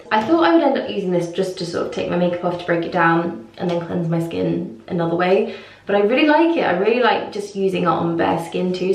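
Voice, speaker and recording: Woman chatting in an echoey bathroom. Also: mid-range voice. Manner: chatty, informal, self-deprecating asides. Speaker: beauty vlogger. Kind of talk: casual chat to camera, morning routine walkthrough. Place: small indoor bathroom.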